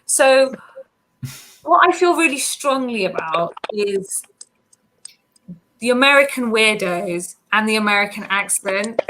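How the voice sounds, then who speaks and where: A woman's voice: on the high side, lively intonation, slow pace, long pauses, noisy background. A woman comedian on a panel show, arguing a comic debate in a rambling, chatty way with lots of asides.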